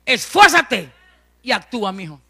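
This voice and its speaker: A man's voice: extremely high pitch, big pitch swings, measured pace, creaky, sharp tone, husky. A man preaching a fervent sermon, calling out amen and hallelujah and addressing the congregation as brother. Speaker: pastor. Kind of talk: lively Spanish-language sermon.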